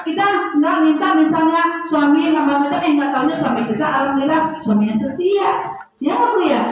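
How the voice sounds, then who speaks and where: A woman preacher giving a lively sermon to elderly women, often calling out to her listeners and acting out prayers softly. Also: sits high, a little hiss or hum. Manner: acts out prayers in a soft hushed voice. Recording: very echoey hall, audience murmur.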